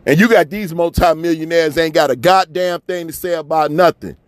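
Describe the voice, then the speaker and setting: A man's voice: fairly high pitch, brisk, no room sound. A man from Chicago delivering a fiery, repetitive, preachy monologue rant, often swearing as he hammers his points home. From Chicago, USA. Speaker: commentator.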